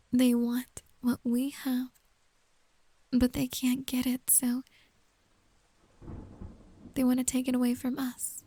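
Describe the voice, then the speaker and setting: A woman playing a possessive, manipulative girlfriend in an ASMR role-play, soft and breathy, with a creepy, coaxing, controlling manner. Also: a little high, no room sound. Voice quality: soft, breathy, often soft-spoken. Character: possessive, manipulative yandere girlfriend, sweetly menacing.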